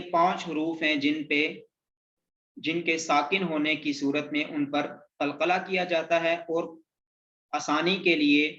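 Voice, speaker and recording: Slow, patient man teaching letter sounds. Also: a little high, a bit bright. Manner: patient and repetitive, drilling syllables. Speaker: Quran reading teacher. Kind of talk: slow recitation lesson, spelling out letter sounds. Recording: roomy, dull lo-fi sound.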